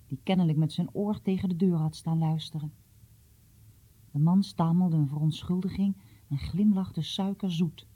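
A woman narrating a children's storybook with a calm, measured reading. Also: on the low side, husky. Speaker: audiobook reader.

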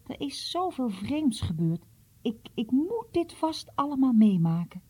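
A woman's voice: high voice, very animated, unhurried, a little mellow, husky, pitched above the performer's own voice, full character voice. A woman reading the part of an earnest, troubled schoolboy who pleads and stammers.

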